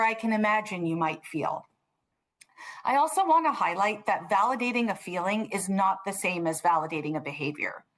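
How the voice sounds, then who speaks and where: Calm woman presenting a webinar. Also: mid-range voice. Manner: calm, measured, explanatory.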